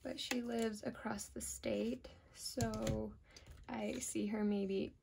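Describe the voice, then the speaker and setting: A woman's voice: on the high side, steady tone, slow, creaky, noisy background. A woman with an American accent chatting casually and informally in a rambling, self-deprecating plan-with-me vlog, often trailing off mid-thought. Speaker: planner vlogger.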